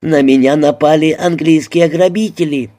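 A man voicing a startled Frenchwoman on a plane, exclaiming in a shrill, raised voice. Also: a little slow, gravelly, darkish tone, breathy edge. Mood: alarmed.

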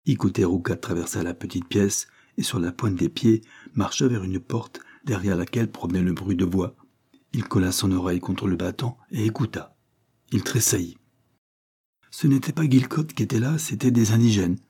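A man reading an adventure novel aloud as narrator in a measured, dramatic way. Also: on the low side, warm tone, breathy edge. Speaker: audiobook narrator.

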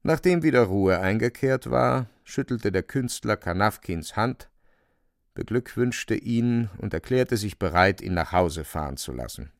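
A man narrating a radio drama in a vivid, expressive storytelling manner. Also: on the low side, unhurried, dry recording, studio quality.

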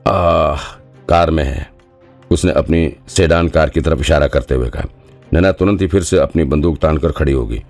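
A man's voice: a bass voice, fairly quick, a little mellow, soft background music. A man narrating a thriller audiobook in a dramatic storytelling manner. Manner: dramatic storytelling, voices all characters himself. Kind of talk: scripted narration.

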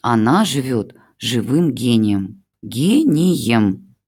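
Here the narrator plays an older, melodramatic mother character, putting on a pitiful-old-woman act while showering her son-in-law with over-the-top praise. Delivery is very slow, mid-pitched and breathy-edged, with an exaggerated voice.

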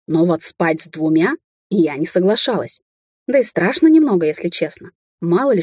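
A woman's voice: fairly low pitch, warm tone, slightly rough, no echo, studio quality. A woman narrating a first-person fantasy audiobook in a wry, sardonic manner.

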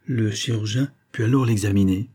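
A man reading a novel aloud as an audiobook, with steady, measured narration. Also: on the low side, slightly rough. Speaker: audiobook reader.

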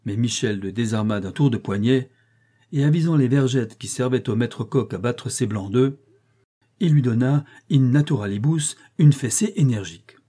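Guy reading an old story out loud, mellow husky voice, pretty dramatic. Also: medium pitch, normal speed. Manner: expressive, theatrical reading. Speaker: audiobook reader. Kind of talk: literary story narration.

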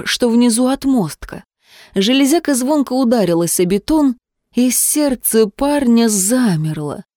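A woman reading a story aloud as an audiobook narrator, in a tense, measured manner. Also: mid-range voice, warm tone, no echo, clean studio sound. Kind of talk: scripted narration.

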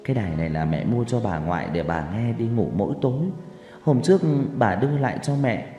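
A man's voice: fairly low pitch, lively intonation, brisk, close to an everyday voice. A man doing a tender, soothing mother. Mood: explaining. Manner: soft coaxing reassurance. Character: worried, tender mother soothing her child. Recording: echoey reverb with faint music.

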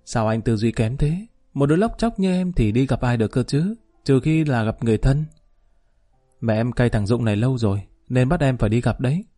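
Sassy young woman read by a guy in his own low voice, rattles her lines off fast. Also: animated, dark tone, faint music behind, lightly acted. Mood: teasing. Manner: quick, teasing, self-assured. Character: brash young woman, cocky and teasing.

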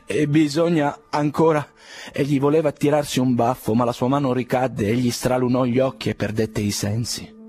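A man with a mid-range voice narrates a classic novel as an audiobook reader, telling the story in a measured, even way.

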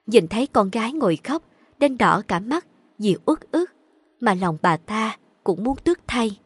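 A woman narrating a dramatic story in a steady storytelling voice. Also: a little high, unhurried, husky, no echo.

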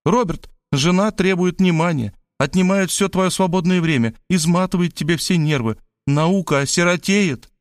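A man's voice: moderate pace, hardly any pauses, no echo, studio quality, close to an everyday voice. A man voicing a gushing, theatrical woman. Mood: doting, dramatic. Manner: gushing, pathetic exclamations, high-pitched. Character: pleading, theatrical middle-aged woman, doting and dramatic. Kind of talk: audiobook character voice.

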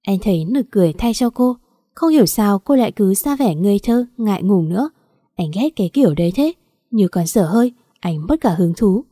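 A woman narrating a story in a steady, unhurried reading manner. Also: mid-range voice, no room sound, clean studio sound. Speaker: audiobook narrator.

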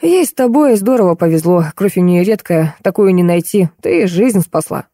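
A woman voicing a gruff, scornful middle-aged hospital nurse who rants bluntly and with contempt. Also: on the low side, expressive, moderate pace, warm tone, dry recording, studio quality.

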